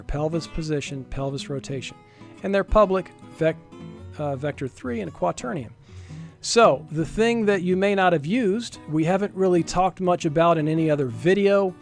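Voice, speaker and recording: In a relaxed indoor voice-over, a software developer talks through his screen-shared coding demo one step at a time, leaning on the important points as guitar music plays. He speaks with a fairly high pitch and a slightly mellow tone.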